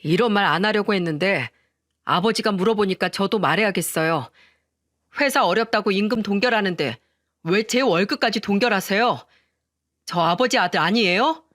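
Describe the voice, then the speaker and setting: Entitled middle-aged son, whiny and demanding, as the narrator puts him on, plain dry read. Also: female voice, fairly high pitch, animated, normal speed, fairly bright tone, no echo. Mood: sulky.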